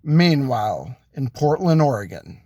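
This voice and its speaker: A man telling an improvised story in a halting way, with restarts and self-corrections. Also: medium pitch, big pitch swings, mellow, no echo, studio quality. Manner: slow, halting delivery with restarts.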